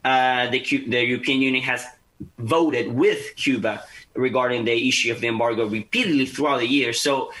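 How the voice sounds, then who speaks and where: Bright-voiced young Venezuelan man. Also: mid-range voice, moderate pace, low-quality recording. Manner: earnest, many fillers and restarts. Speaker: guest. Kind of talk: podcast interview.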